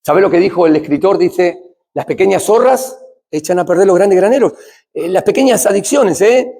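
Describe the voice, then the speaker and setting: A middle-aged man with a Rioplatense Spanish accent giving a church talk on addiction, speaking conversationally, asking his listeners questions and swinging between loud and hushed. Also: high voice, moderate pace, creaky. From Argentina.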